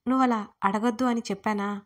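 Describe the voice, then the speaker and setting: A woman voicing a teasing, possessive young man in a storybook reading, firm and calm. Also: on the high side, fast, lightly acted.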